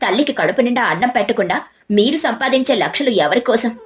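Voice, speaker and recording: A woman's voice: on the high side, expressive, fast talker, close to an everyday voice. A woman voicing a clever young housewife who reasons firmly. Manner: firm and reasoning.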